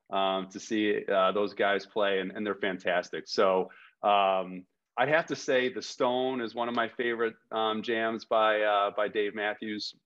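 A man's voice: on the low side, a bit bright, dull audio. A man from Rochester, New York, chatting as an interview guest in a friendly, rambling way with lots of fillers. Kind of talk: casual interview chat.

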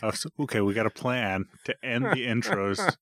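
A man's voice: mid-range voice, sing-song, normal speed, a bit bright, no room sound, clean studio sound. Man, thirties, casual podcast chat, jokey, rambling, restarts mid-sentence. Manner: rambling, jokey, self-interrupting. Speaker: podcast co-host. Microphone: podcast recorder.

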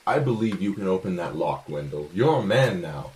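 Deep-voiced man playing a tabletop game. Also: sing-song, normal speed, a little mellow. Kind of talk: casual in-character game chat.

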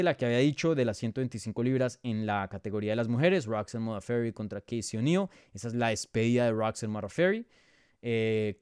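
In clean, studio-quality sound with no room echo, a Bogotá-accented man hosts a relaxed live sports podcast, previewing MMA and answering viewers. His medium-pitched voice has a darkish, clean tone as he reasons aloud conversationally.

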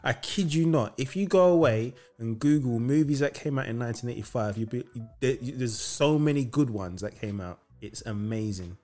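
A man hosting a podcast in casual conversation, upbeat and quick to rattle off lists. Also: medium pitch, a little mellow, soft background music. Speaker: podcast host.

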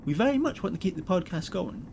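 A man's voice: high voice, sing-song, fast talker, vocal fry, a little mellow, slight background noise, voice pushed up, full character voice. A man voicing a smug, slick corporate executive who talks in a breezy, condescending, amused way.

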